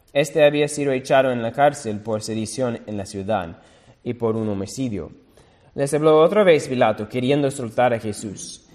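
A man preaching a sermon, reading scripture aloud slowly and deliberately, now and then correcting himself. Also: mid-range voice, darkish tone, long reverb tail.

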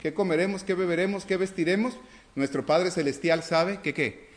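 A man preaching a sermon and reading scripture aloud, asking the congregation rhetorical questions and swinging between loud emphasis and quiet asides. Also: high-pitched, moderate pace. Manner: reads scripture aloud, acting out the dialogue.

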